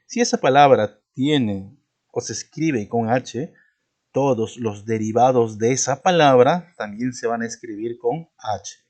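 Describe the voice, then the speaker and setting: A male teacher giving a patient spelling lesson. He talks at a middle pitch, explains step by step and keeps checking in with his listener through repeated tag questions. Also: a little slow, a little mellow.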